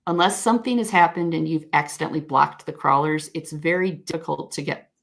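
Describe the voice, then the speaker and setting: Low gravelly woman explaining SEO. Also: a little fast. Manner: thoughtful, self-correcting, frank asides. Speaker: guest SEO expert. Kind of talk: conversational explanation.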